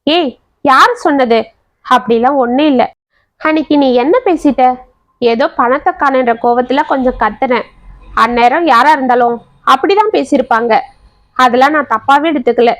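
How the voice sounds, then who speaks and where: A woman voicing a kind young husband in a story, speaking softly and affectionately to comfort his wife. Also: high-pitched, normal speed, pauses often, no echo. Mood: reassuring. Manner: soothing, affectionate.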